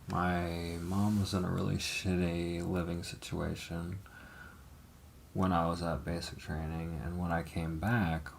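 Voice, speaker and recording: This is a casual live testimony from a man in his thirties, whose low, creaky voice has a darkish tone, with slight background noise. Telling his life story on a livestream, he rambles hesitantly, with frequent ums and an occasional swear word.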